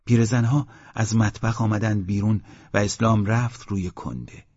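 Husky low-voiced male audiobook narrator. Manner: calm, measured reading. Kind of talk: scripted literary narration. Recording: dull lo-fi audiobook recording.

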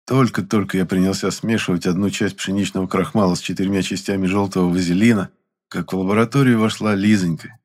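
Low-voiced male audiobook narrator. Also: fairly even intonation, fast talker, darkish tone. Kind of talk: scripted first-person audiobook narration.

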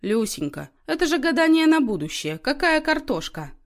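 A woman's voice: sits high, very animated, normal speed, voice pushed up. A woman doing a jovial, teasing husband. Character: jovial middle-aged husband, teasing and cheerful.

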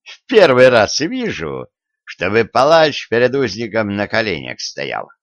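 A man voicing a stern, mocking old Russian tsar in an audiobook, talking in a gruff, dismissive way. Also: on the low side, huge pitch swings, measured pace, no room sound, full character voice. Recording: dull, dry lo-fi recording.

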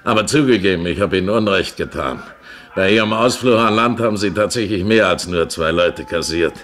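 An actor playing a coarse, hot-tempered pirate captain in a German radio play, blunt and scoffing. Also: male voice, low voice, a little fast, a bit bright. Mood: gruff, mocking.

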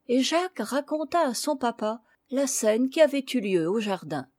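A woman reads a classic children's novel aloud in a measured, clear way. Her voice sits fairly high. The sound is close and dry, with no room echo. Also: very animated, darkish tone. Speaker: audiobook reader.

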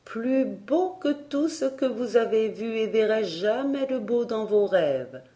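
A woman reading the lines of a serene fairy governess in a storybook, in a calm, measured way. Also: a little high, voice pushed up.

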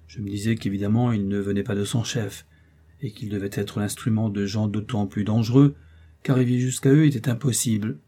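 A man voicing a scheming, smooth-talking doctor who feigns earnest candor, in an audiobook reading. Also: on the low side, steady tone, brisk, warm tone, lightly acted. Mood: falsely earnest. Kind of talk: audiobook character voice.

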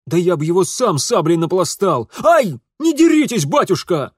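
A man's voice: a little high, big pitch swings, moderate pace, darkish tone, no echo, studio quality. A man voicing a hot-headed young lieutenant who grumbles sullenly and whines under blows. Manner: sullen grumbling, whining when hit.

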